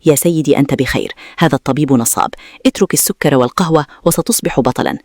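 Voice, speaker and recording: A man's voice: fairly high pitch, quick pace, a little mellow, dry recording, clean studio sound. A man reading a sly, smug lawyer. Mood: smug, scheming. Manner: smug, coolly mocking. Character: sly, cold-blooded male lawyer.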